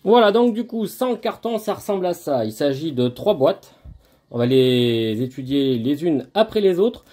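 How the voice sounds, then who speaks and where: A man's voice: on the high side, sing-song, normal speed, warm tone. A man hosting a board game channel, chatting casually through an unboxing with frequent fillers and restarts. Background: lawn mower and brush cutter nearby.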